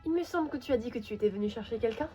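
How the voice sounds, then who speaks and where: A woman voicing a dry, teasing gothic teenage girl who speaks in a flat, ironic way, in an amateur fan voice drama. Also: a little high, rapid-fire, faint music behind, lightly acted. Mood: deadpan.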